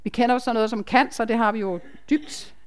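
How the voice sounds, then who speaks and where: Woman nurse telling her testimony to the congregation, highish clear voice, chatty, keeps checking in with the listeners. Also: steady tone. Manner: chatty and emphatic, with asides to the listeners.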